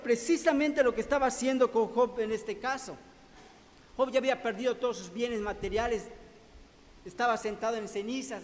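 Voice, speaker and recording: A man preaching a sermon to his congregation in a church hall, calling them brothers and asking rhetorical questions. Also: extremely high pitch. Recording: long hall reverb, faint background noise.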